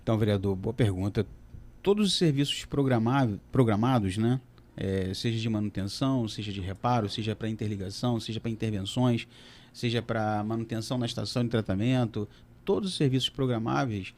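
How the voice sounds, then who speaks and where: A man representing a water utility, answering audience questions on a panel in a halting way, with many fillers and restarts. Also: lowish voice, a little mellow.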